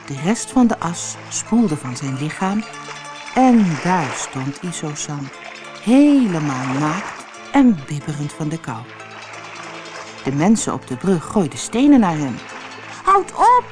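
A woman from the Netherlands reading a children's fairy tale aloud with expressive storytelling. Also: low voice, slow pace, over music. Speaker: narrator.

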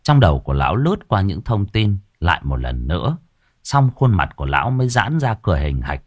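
A man narrating a ghost story in a lively, expressive way. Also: low voice, a little fast, no echo, studio quality.

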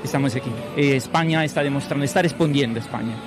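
A man's voice: medium pitch, fast, music in the background. A man from Italy, a protester giving a hesitant street interview and repeating words as he goes. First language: Italian.

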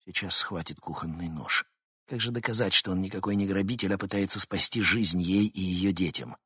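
Husky low-voiced male audiobook narrator. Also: a little fast, sharp tone, no echo, studio quality. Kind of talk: scripted narration.

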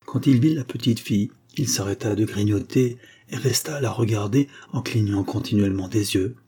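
A male audiobook narrator reading an old fairy tale at an even, measured pace. His voice is mellow and warm, with a soft husky grain, and stays calm and unhurried. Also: fairly low pitch.

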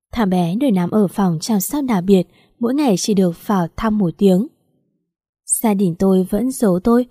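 A woman reading a first-person story aloud in steady, earnest narration. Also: medium pitch, no room sound, clean studio sound. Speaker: story reader.

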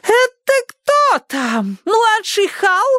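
A man voicing a shrill, spiteful elderly woman neighbor who scolds and gloats in a squealing voice. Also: huge pitch swings, drawn-out words, bright, forceful tone, no echo, clean studio sound, heavily acted. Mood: shrieking. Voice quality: shrill, shrieking.

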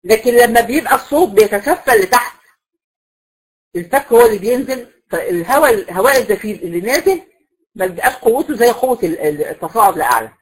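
A woman's voice: a little high, lively intonation, fast talker, breathy edge, poor audio. A woman with an Egyptian accent, a recitation teacher lecturing a class, explaining patiently, asking the class questions and repeating the key rules. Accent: Egyptian Arabic.

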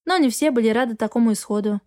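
A woman narrating a fantasy novel in the first person, expressive storytelling. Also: on the high side, fast. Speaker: audiobook reader.

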